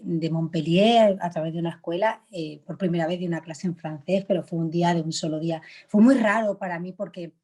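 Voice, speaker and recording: A chatty actress with a warm, lowish voice gives relaxed, conversational answers as an interview guest. She's reflective, laughs often, and uses frequent fillers.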